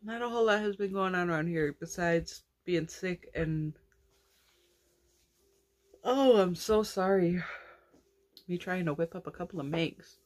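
A young woman with a low-pitched voice talks casually to her viewers about her crochet makes. She rambles and restarts her sentences often, in an easygoing home-vlog manner. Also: steady tone, a little fast, few pauses. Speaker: crochet vlogger. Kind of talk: casual chat.

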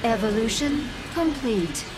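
A commanding game announcer. She delivers clipped, formal battle alerts in a fairly high, cool voice. Loud music runs behind her. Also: expressive, measured pace, rough recording.

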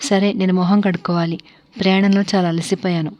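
A woman's voice: on the low side, flat delivery, fairly quick, a little mellow, lightly acted. A woman voicing a travel-weary, uneasy man visiting a stranger's house, asking polite, cautious questions. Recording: dull lo-fi recording.

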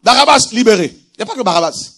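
A man preaching a sermon with animated delivery, moving from quiet scripture reading to shouted exclamations. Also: high voice, quick pace. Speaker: pastor.

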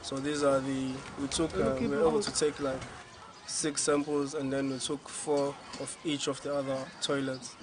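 Flat-voiced man explaining outdoors. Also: mid-range voice, moderate pace, noisy background. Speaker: field researcher. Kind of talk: on-site explanation. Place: outdoors at a field site.

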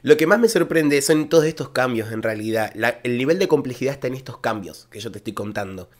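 A man with an Argentine accent, a baritone vocal coach, chatting excitedly to viewers as he reacts to and analyzes a singing performance. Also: fast. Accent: Argentine Spanish.

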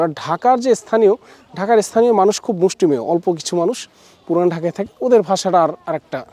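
A man's voice: high-pitched, warm tone, dry recording. A man from Bangladesh giving a casual walking-tour vlog outdoors at a forest resort, chatty and mixing in English words while often correcting himself. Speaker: travel vlogger.

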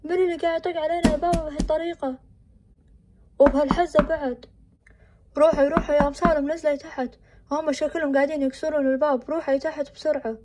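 A woman's voice: high voice, fairly even intonation, background noise, lightly acted. A woman voicing urgent father Abu Salem. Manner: hurried commands.

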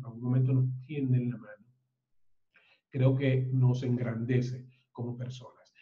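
A man's voice: mid-range voice, mellow. A man hosting an online talk on a film, speaking reflectively and often repeating words as he searches for the next one. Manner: halting, repeats words while searching for them. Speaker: host discussing a film. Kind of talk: spoken film commentary and reflection. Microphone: online live stream. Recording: roomy, dull lo-fi sound.

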